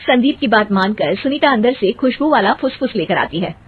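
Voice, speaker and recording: A woman's voice: a little high, lively intonation, a little fast, phone-quality sound, slight background noise. A woman narrating a scripted comic story for a cartoon, as the storyteller between the dialogue.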